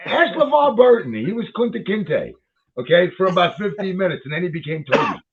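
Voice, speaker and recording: Over a tinny, phone-like line, a man with a high, very animated voice rants briskly in heated commentary on a video, swearing often and repeating himself.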